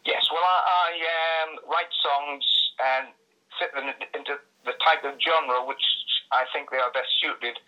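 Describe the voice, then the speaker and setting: A man's voice: mid-range voice, steady tone, measured pace. An older man from Northumberland with a Northumberland accent, answering interview questions as a radio guest over the telephone. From Northumberland, England. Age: 60s or older. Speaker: radio phone-in guest, songwriter. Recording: tinny, band-limited phone line.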